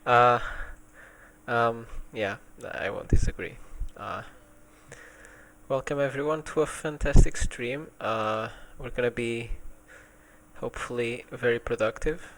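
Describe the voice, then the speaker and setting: A man's voice: mid-range voice, a little slow, fairly bright tone, slight background noise, low-quality recording. A man hosting a live stream in casual chat, hesitant and stammering, his voice coming through in one ear only from a faulty mic. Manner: hesitant, stammering with many ums and repeated words. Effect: voice heard in one ear only, left channel. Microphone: streaming desk mic, fault sends it to one side.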